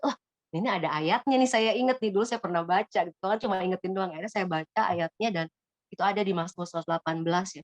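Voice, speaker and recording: A woman's voice: mid-range voice, no echo, lo-fi sound. A woman from Bogor, Indonesia, giving a casual spoken testimony, chatty with many fillers and hesitations.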